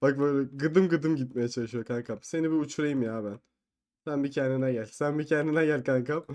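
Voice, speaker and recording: A man giving excited gameplay commentary, who yelps and cries out when things go wrong, then drops to low muttering and teases other players in slangy banter. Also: a little fast. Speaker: gamer playing an online game.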